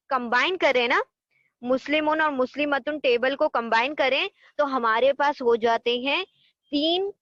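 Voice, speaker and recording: A woman's voice: high voice, fairly bright tone, dry recording, dull audio. A woman teaching an Arabic grammar lesson online, patiently drilling word endings and explaining them step by step.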